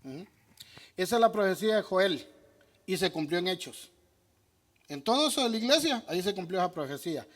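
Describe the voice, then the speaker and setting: Emphatic high-voiced pastor. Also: male voice, lively intonation, brisk, long pauses, fairly bright tone. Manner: emphatic, asks and answers his own questions. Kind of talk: sermon with audience questions.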